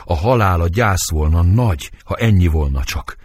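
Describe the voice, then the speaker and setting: A man's voice: low-pitched, animated, darkish tone, breathy edge, dry recording, pitched below the performer's own voice. A man reading the part of young Juliet, anguished and passionate, in dramatic verse.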